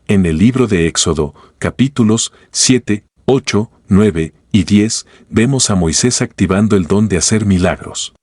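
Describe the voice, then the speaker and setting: Deep-voiced man reading devotional text. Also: darkish tone, dry recording, clean studio sound. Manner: measured reading, slowing on scripture references. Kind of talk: read-aloud devotional teaching.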